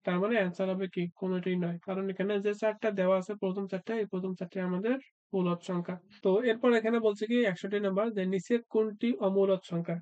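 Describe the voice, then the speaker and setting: A man tutoring math for job exams, talking fast in a flat, level voice. His tone is mellow and dark, with a dry, close sound. The recording is a little dull and lo-fi. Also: sits high, no room sound. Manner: asks and answers his own questions, frequent "uh" fillers. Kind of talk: exam-prep math lesson.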